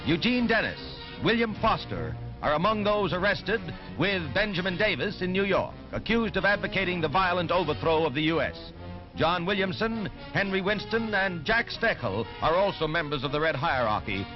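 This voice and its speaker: A man's voice: high-pitched, lively intonation, moderate pace. A man giving dramatic, emphatic 1940s newsreel narration, heard as old newsreel sound. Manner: dramatic, emphatic announcer delivery. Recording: dull lo-fi film soundtrack with music.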